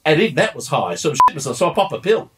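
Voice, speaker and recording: A middle-aged man telling a story on a podcast in a casual, animated way, laughing and restarting often. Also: on the high side, fast talker, heavy background noise. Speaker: podcast co-host.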